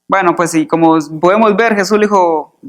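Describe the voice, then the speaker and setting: Conversational male preacher. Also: high-pitched. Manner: conversational, fills pauses with "este" and repeats "dice" while reading. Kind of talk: sermon, reading and explaining scripture. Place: church.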